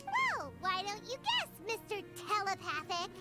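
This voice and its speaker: Little sidekick creature, extremely high squeaky child voice, cheeky, bouncy intonation, anime game. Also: female voice, wildly swooping pitch, unhurried, loud music behind the voice, full character voice. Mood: skeptical, cheeky. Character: tiny childlike female companion creature, cheeky and gullible. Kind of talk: anime-style video game voice acting.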